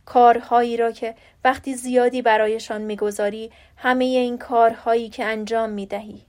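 A woman narrating an audiobook in the first person, reading calmly and evenly. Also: on the high side.

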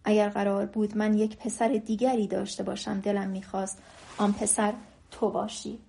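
Woman reading frail wise old guy, quiet soft voice, storybook reading. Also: medium pitch, little pitch movement, creaky, husky. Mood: gentle. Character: frail dying old man, gentle and wise.

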